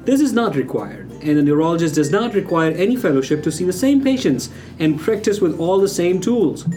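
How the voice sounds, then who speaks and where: A man hosting a podcast, opening the show and putting questions to his guests in a measured, formal way. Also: high-pitched, big pitch swings, warm tone, soft background music. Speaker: podcast host. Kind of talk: hosted podcast discussion.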